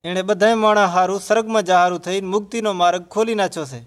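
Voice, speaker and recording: A man's voice: high-pitched, fast talker. A man in a scripted religious dialogue, earnestly explaining his faith to a grieving villager.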